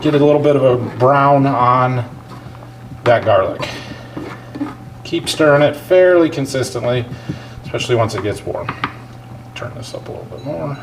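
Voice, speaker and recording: A man's voice: mid-range voice, moderate pace, long pauses. A man talking casually like a home cooking show host, explaining each step in a folksy way as he works in a kitchen. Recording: clear background noise, kitchen clatter.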